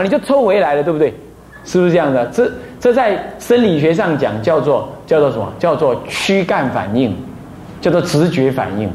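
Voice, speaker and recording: A man's voice: high-pitched, darkish tone. Monk man preaching, keeps asking "right?", voice swoops up n down, echoey room. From Taiwan. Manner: asks listeners rhetorical questions often; mixes Taiwanese phrases into Mandarin. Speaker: Buddhist abbot. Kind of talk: dharma talk on precepts. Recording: roomy echo, faint noise.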